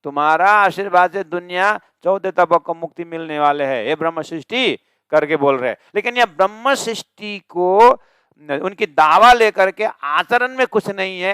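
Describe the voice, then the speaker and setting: A male religious teacher giving a scripture discourse, chanting verses slowly and explaining them with emphatic, rising questions. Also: high voice, a bit bright, smooth, no echo, clean studio sound.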